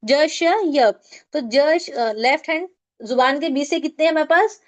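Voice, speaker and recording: A woman with a high voice runs an online recitation class. She works through pronunciation rules step by step and keeps asking her students for answers. Her voice comes through a video call. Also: measured pace. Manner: explanatory, asks students questions. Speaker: tajweed teacher.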